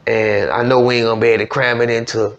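A man with a Southern US accent hosts a casual podcast interview at an indoor studio desk, talking loosely in slang and often saying "you know what I'm saying." His medium-pitched voice barely moves in pitch, runs at a quick pace, and has vocal fry. The studio recording sounds dull and lo-fi.

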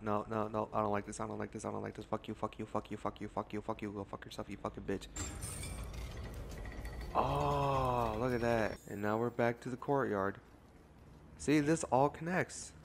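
A young man giving casual gameplay commentary, jumpy and foul-mouthed, yelling and swearing when startled. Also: fairly low pitch, slight background noise. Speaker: gaming YouTuber.

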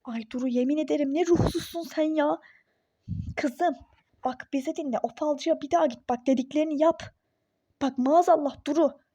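A meddling, superstitious girlfriend in a phone-game role-play story, as a woman voices her. She nags insistently in a high, mellow voice. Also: normal speed, dry recording, studio quality, natural voice. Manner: insistent, nagging, conspiratorial. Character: pushy superstitious young woman friend, meddling.

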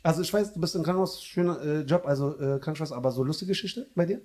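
A male stand-up comedian doing teasing, loud crowd work in a live club, with a slang manner. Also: on the high side. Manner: teasing, loud, fast banter with slang fillers. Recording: live room with crowd laughter. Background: audience laughter.

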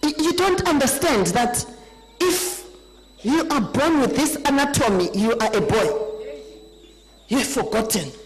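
A woman with a Zimbabwean accent preaching a conference sermon, emphatic, swinging between high peaks and low drops. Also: animated, a little slow, long pauses, faint music behind, poor audio.

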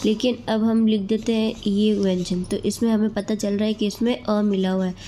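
A woman's voice: mid-range voice, flat delivery, normal speed, dark tone, slight background noise. A woman teaching a grammar lesson to students. She explains step by step and keeps checking in with them.

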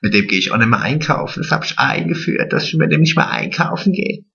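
A man's voice: on the high side, animated, quick pace, gravelly, sharp tone, lo-fi sound, full character voice. A man playing a vain, chatty, naive middle-aged woman in a drag comedy monologue, stretching his words. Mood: gossipy.

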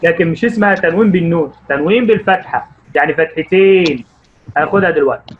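Egyptian guy teaching little kids online, fast and high, cheering them on, muffled lo-fi sound w faint hiss. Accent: Egyptian Arabic. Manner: encouraging, quizzing pupils by name, drawing words out slowly. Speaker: primary school Arabic teacher. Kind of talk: online class with young pupils.

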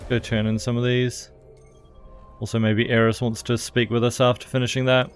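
A man's voice: medium pitch, flat delivery, moderate pace, smooth. A man streaming a game, giving offhand, chatty commentary in short remarks. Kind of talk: casual gameplay commentary. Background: game music.

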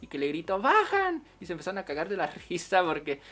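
A man with a Mexican accent chatting casually on a game livestream, full of slang and quick laughs. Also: fairly high pitch, steady tone, fairly bright tone. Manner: slangy, laughs often while storytelling. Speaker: game streamer.

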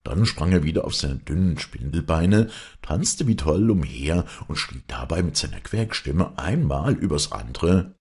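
A man with a very deep, gravelly and rough voice narrating a fairy tale. His delivery is expressive, and his pitch rises and falls with the story. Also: unhurried, hardly any pauses.

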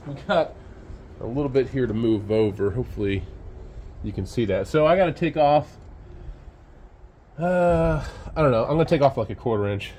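A man talks through a sawmill repair in a relaxed, step-by-step way, with plenty of fillers along the way. His voice sits in an ordinary middle pitch. He is recorded outdoors on a handheld camera close to the machine, with a faint hiss in the background. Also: normal speed, long pauses. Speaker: sawmill owner showing a repair. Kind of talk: casual how-to demonstration. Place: outdoors at a sawmill under an open shed.

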